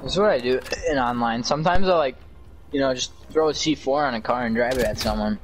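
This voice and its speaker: A man's voice: mid-range voice, fast talker. Laid-back young man, game noise behind. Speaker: gaming friend. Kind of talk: casual chat while gaming.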